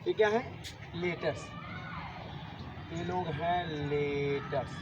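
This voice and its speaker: A man's voice: fairly high pitch, slow pace, muffled recording, heavy background noise. A man teaching a classroom grammar lesson, repeating points and asking his students questions. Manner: repetitive, asks students questions.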